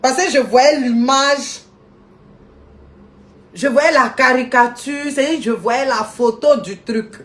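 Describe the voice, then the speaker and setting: A woman's voice: high voice, takes it slowly, pauses often. A woman ranting indignantly on a live video stream, scolding people and greeting viewers by name.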